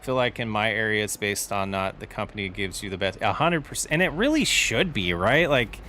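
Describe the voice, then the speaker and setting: A man's voice: on the low side, lively intonation, a little fast, sharp tone. A man streaming a farming game, chatting casually with his audience and rambling through answers to chat questions. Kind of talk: casual live-stream chat while gaming. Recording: faint game vehicle noise behind.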